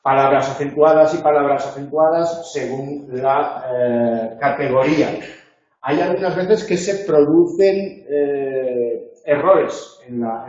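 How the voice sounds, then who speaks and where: A man with a Peninsular Spanish accent giving a university lecture, hesitant, pausing often on filler sounds and restarting phrases, in a classroom. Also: medium pitch, a little mellow. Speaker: university tutor. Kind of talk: spoken lecture. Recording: dull echoey room recording.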